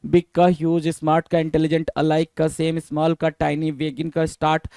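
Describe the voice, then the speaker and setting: A man's voice: on the high side, monotone, creaky, darkish tone, smooth, no room sound, studio quality. A man teaching a vocabulary lesson for exam prep, quizzing students and spelling words out letter by letter. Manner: reads English definitions slowly.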